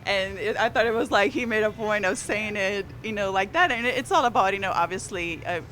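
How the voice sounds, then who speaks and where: Fairly quick and fairly bright at a medium pitch, this woman is a newspaper columnist whose first language is Portuguese, chatting about politics on a live stream. There's slight background noise. Her conversational talk has fillers and restarts, and energy climbs at key moments.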